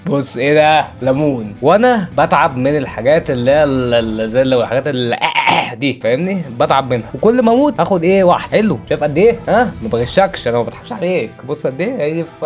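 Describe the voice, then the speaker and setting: A young man with an Egyptian Arabic accent doing excitable let's-play commentary as a gaming video host, repeating phrases and crying out. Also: on the high side.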